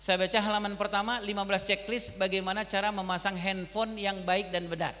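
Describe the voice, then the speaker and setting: Middle-aged male seminar speaker, high and bright, storytelling, reverberant hall. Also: level tone, a little fast. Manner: addresses the audience as fathers and mothers again and again; storytelling, acts out dialogue in his own voice. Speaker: parenting speaker. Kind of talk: parenting seminar talk. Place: school hall.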